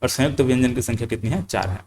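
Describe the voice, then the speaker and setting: A man's voice: mid-range voice, rapid-fire, a little mellow, a little hiss or hum. A young man teaching an exam-prep grammar lesson, asking questions and answering them himself, repeating key points. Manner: quizzes listeners with questions he then answers himself; repeats key points and fills with "thik hai".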